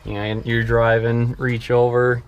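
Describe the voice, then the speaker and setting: A man with a medium-pitched, level voice speaks unhurriedly, loosely and informally, thinking aloud as he works on restoring an old truck in a casual hands-on DIY vlog. The recording is muffled, with clear ambient noise in the background.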